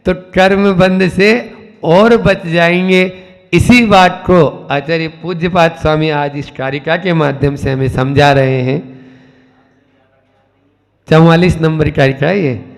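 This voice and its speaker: A man's voice: high-pitched, steady tone, slow pace, vocal fry. A man giving a religious sermon as a monk. He explains scripture line by line and asks his listeners rhetorical questions. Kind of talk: religious discourse. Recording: long reverb of a hall.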